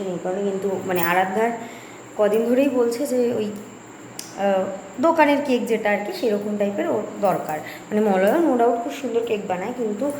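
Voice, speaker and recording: A young woman, chatting casually through a home vlog as a lifestyle vlogger. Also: mid-range voice. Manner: chatty, rambling running commentary. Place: at home, indoors. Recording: echoey room with background noise.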